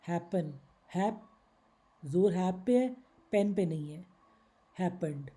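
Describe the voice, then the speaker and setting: A woman teacher explains grammar rules patiently, step by step, over slides. Her voice is very bright and tense. She pauses to read each example word. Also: on the low side, lively intonation. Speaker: English teacher. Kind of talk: slide-based Hindi grammar lesson.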